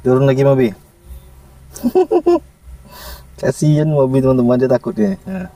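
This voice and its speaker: A man casually vlogging to his viewers about his pet monkey, talking gently and coaxing it with soft chuckles. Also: medium pitch, big pitch swings, measured pace, no echo, recorded from a distance. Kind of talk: casual vlog narration to viewers.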